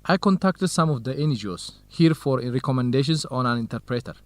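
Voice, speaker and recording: An actor with an Ethiopian accent plays a male researcher in an educational radio drama, organized, courteous and gently grumbling, explaining things in a measured way. His medium-pitched delivery is animated and lightly acted, with a helpful, practical mood in a dry recording.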